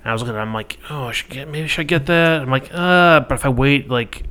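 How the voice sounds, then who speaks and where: A man's voice: medium pitch, quick pace, pushed and bright. A man in his thirties co-hosting a casual gaming podcast, rambling with fillers and laughing often. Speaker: podcast co-host. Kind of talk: casual chat.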